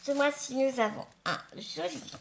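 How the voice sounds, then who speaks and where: At a measured pace, a woman with a high, lively-intoned voice gushes affectionately to viewers while unboxing craft supplies. A slight lisp after dental surgery slurs her s sounds, and a little hiss or hum can be heard.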